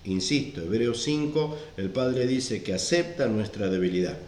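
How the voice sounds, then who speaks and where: A man's voice: fairly low pitch, expressive, unhurried, darkish tone. Male pastor, sermon delivery, insistent and repetitive, reverberant room. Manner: repeats and stresses verse references.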